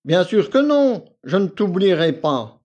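A man's voice: high-pitched, very animated, measured pace, a little mellow, dull audio, exaggerated voice. A man voicing an arrogant, lazy young male valet who talks in a nasal, drawling, condescending way. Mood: bored, condescending.

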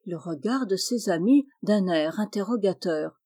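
Mellow-voiced woman reading a children's tale. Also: medium pitch, animated, unhurried. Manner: gentle, lilting, lifts into voices for the animals. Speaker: audiobook reader. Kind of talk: storybook narration for children.

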